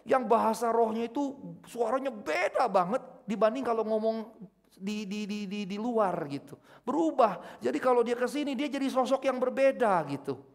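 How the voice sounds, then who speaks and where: A middle-aged man preaching a conversational sermon in a church, swinging from loud exclamations to quiet, intimate asides. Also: extremely high pitch, moderate pace, vocal fry. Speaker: pastor.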